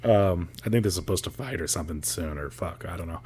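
Low-voiced man, joking casual podcast host. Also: a little fast, darkish tone, slight background noise. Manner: loose, joking, profane. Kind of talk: casual chat.

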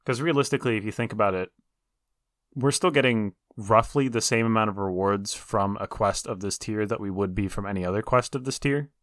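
A man's voice: lowish voice, fairly quick, a bit bright, no room sound, studio quality. A man co-hosting a casual gaming podcast, explaining and giving his opinions in a matter-of-fact way. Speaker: podcast co-host.

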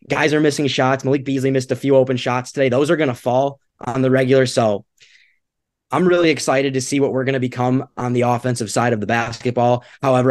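A man's voice: medium pitch, no room sound, studio quality. A man co-hosting a sports podcast, upbeat and casual, chuckling between phrases. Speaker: podcast co-host.

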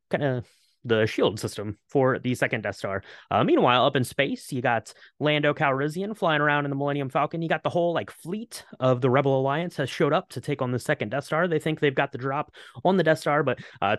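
A man co-hosting a podcast, retelling film scenes in a relaxed, goofy way. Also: mid-range voice, no echo, clean studio sound. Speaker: podcast co-host. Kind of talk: casual chat.

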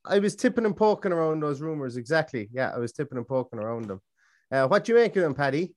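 A man's voice: on the high side, big pitch swings, fast talker, darkish tone, no echo, studio quality. A man with an Irish accent casually hosting a live football fan show, chatty and rambling.

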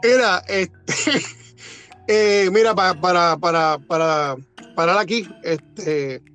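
A man hosting a casual podcast, halting and repeating words. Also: sits high, fairly bright tone, soft background music. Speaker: podcast host.

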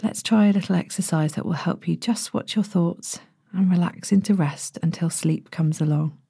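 A woman narrating a sleep story as a guided relaxation, in a gentle, hushed and breathy manner with long pauses. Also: on the low side, no room sound, studio quality. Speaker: podcast host, sleep meditation narrator.

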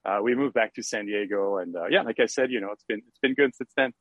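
A man's voice: on the low side, quick pace, a bit bright, no echo, lo-fi sound. A middle-aged man from France with a French accent, chatting casually as a podcast guest with many fillers and easy laughter. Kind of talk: casual interview chat.

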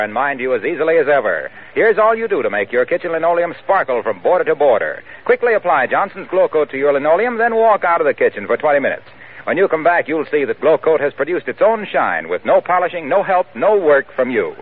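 High-pitched old-time radio announcer man. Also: big pitch swings, a little fast. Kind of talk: 1940s radio announcer, scripted sponsor reads. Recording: thin narrowband vintage radio broadcast.

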